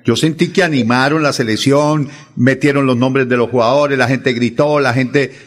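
A man's voice: medium pitch, fairly even intonation, moderate pace. A man on a sports radio show, arguing his point vehemently and insistently in a heated debate.

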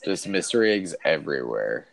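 A man's voice: a bass voice, sing-song, a little fast, background noise. A man bantering casually like a frat bro, swearing heavily and using lots of slang.

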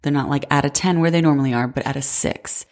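Talking fast in a deep, slightly mellow voice, a woman in her twenties hosts a casual solo podcast. She's sick and congested, which makes her sound nasal, and her chatty delivery is thick with "like" fillers.

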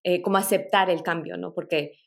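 Speaking brisk and steady in a lowish, gravelly voice, this guest on a podcast interview recounts her life thoughtfully, pausing for small laughs and restarts. She is a middle-aged tech product director from Peru with a mixed Latin American Spanish accent.

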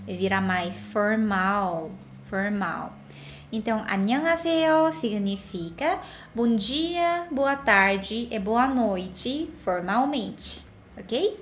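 A woman's voice: medium pitch, expressive, a little slow, slight background noise. A woman giving a casual language lesson as a Korean teacher, patiently repeating words for the learner to echo.

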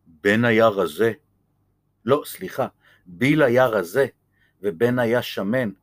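A man reading a children's chapter book aloud, gentle and lively. His voice sits at an ordinary pitch, and the sound is dry and close. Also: dry recording. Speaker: storyteller.

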